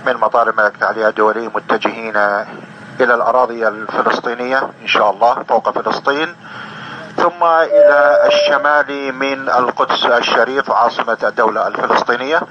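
Fast, formal airline pilot announcement. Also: male voice, medium pitch, steady tone, bright, forceful tone. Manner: formal, routine public-address delivery. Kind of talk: in-flight cabin announcement. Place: airliner cabin. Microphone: cabin public-address system. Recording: muffled cabin PA over engine noise. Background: aircraft engine hum.

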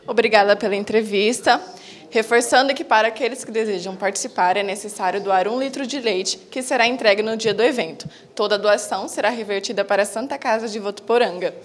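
A woman's voice: mid-range voice, fairly quick. A young woman, a student reporter, introducing a story and asking polite questions into a handheld mic. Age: young adult. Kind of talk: field reporting and interviewing.

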